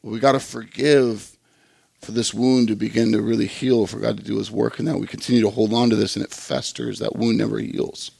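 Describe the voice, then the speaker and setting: A man's voice: on the low side, flat delivery, a little fast, vocal fry, a little mellow, breathy edge, no echo. A man preaching a sermon in an earnest, conversational way, often repeating words as he goes. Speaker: pastor.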